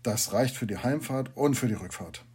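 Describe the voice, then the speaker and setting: A man voicing a brisk, gruffly kind middle-aged teacher with a husky voice. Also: mid-range voice, expressive. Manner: brisk and gruffly warm, emphatic.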